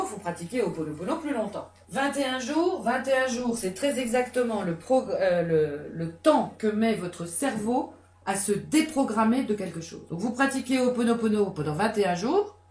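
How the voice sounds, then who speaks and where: A woman psychotherapist giving a lively, conversational talk with many fillers and restarts. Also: mid-range voice. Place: conference room. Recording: echoey room, mic far off.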